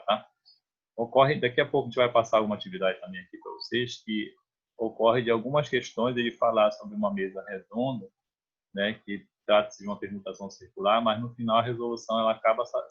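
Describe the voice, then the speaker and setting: Husky-voiced man teaching math. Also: on the low side. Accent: Brazilian Portuguese. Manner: explains step by step, often checks with "né?" and "tá?"; conversational, restarts phrases while drawing. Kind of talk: online math lesson. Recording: dull lo-fi online class audio.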